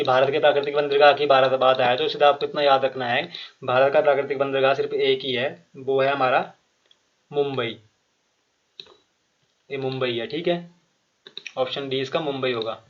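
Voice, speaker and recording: A man teaching an exam-prep quiz lesson, reading each question and its options aloud, repeating them, then explaining the answer with fillers and restarts. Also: on the high side. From Himachal Pradesh. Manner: frequent fillers and restarts, addresses viewers directly. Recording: muffled lo-fi recording.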